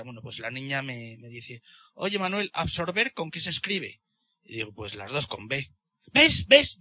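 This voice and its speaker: A man's voice: medium pitch, sharp tone, dry recording. A man speaking in a discussion, indignant and hesitant, often restarting his sentences. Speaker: participant in a discussion. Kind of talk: casual debate talk.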